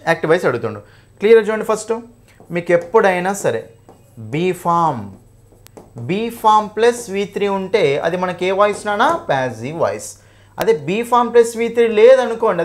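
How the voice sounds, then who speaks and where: A young man with a Telugu accent teaching an English grammar revision class. He explains each answer option in detail, keeps checking "okay?" and "right?", calls his students "nanna", and reads the English example sentences slowly. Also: sits high. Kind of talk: exam revision lesson.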